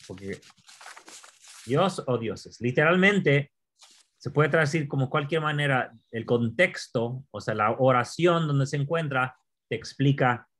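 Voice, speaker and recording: Slow-talking man teaching a language. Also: mid-range voice, fairly bright tone. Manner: slow, repeats words, asks the learner questions. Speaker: Hebrew teacher. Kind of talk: patient classroom explanation.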